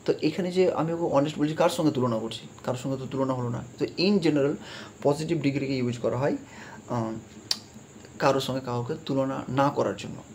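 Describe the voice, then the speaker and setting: A man explaining English grammar in a lesson. He talks it through with hesitant fillers, mixes English terms into his speech and reads example sentences out slowly. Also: medium pitch, a little mellow, slight background noise. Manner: slow deliberate reading of English examples, mixing English terms into his talk.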